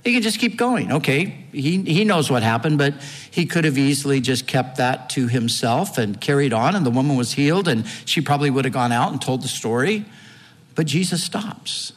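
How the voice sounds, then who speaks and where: A man's voice: medium pitch, lively intonation, normal speed, long reverb tail. A man preaching a sermon and retelling a story vividly, with strong emphasis.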